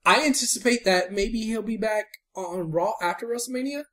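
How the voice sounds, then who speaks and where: Animated man co-hosting a wrestling podcast. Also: high-pitched, normal speed. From Houston area. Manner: animated, laughs a lot, teasing. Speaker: podcast co-host. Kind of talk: casual podcast banter.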